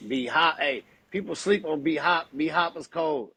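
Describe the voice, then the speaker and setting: A man's voice: on the high side, normal speed, sharp tone, breathy edge, no echo. A man hosting a casual chat, asking questions in laid-back, slangy, hyped-up talk. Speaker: podcast host interviewer.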